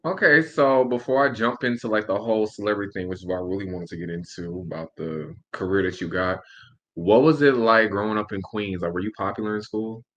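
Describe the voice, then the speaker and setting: Low-pitched male interviewer from New York state. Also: fairly quick, a bit bright, highs cut off. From Albany, New York, also Brooklyn and Long Island. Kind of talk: casual interview chat.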